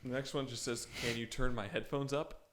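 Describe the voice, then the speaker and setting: A man's voice: mid-range voice, steady tone, a little fast, noisy background. Laughing young man joking on a podcast. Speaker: podcast co-host. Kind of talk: casual chat.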